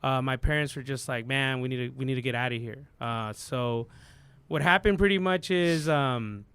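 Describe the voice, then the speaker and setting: A man's voice: mid-range voice, normal speed, fairly bright tone, clear, resonant tone. A young man from Southern California, a guest DJ, telling his story in a loose, rambling, slang-filled way. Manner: laid-back, rambling, lots of fillers and slang. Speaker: podcast guest, DJ. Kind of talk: casual storytelling chat.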